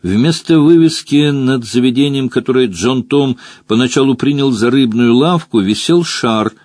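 A man's voice: moderate pace, no echo, clean studio sound. A man narrating a fantasy novel as an audiobook, reading expressively. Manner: expressive reading, pitch rising and dropping with the story.

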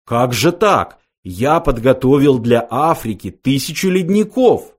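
A man's voice: mid-range voice, big pitch swings, unhurried, slightly rough, voice pushed up. A man voicing a fussy, indignant old man. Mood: dismayed. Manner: polite, easily offended, impassioned. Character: fussy, proud old man, a planet designer.

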